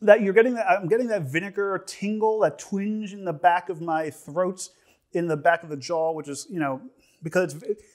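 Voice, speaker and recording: A young man giving a casual, humorous food review on camera, rambling and halting, repeating phrases and tossing in joking asides. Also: a little high. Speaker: snack reviewer. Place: indoor studio set with dark curtain backdrop. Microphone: lapel mic.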